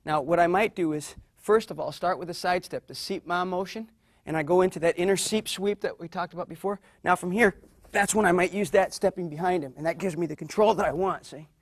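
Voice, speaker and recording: A man teaching a martial arts class with a fairly high voice. He explains each move while he shows it on a partner. The recording is dry and close. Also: fairly quick, no echo. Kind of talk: instructional demonstration.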